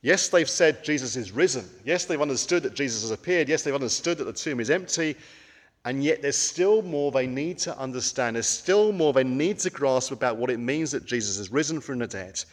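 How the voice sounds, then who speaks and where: Guy preaching, chatty and full of ums, asks questions, mid-pitched voice with long echo. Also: animated, a little fast. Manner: conversational, with frequent ums and rhetorical questions. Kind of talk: sermon.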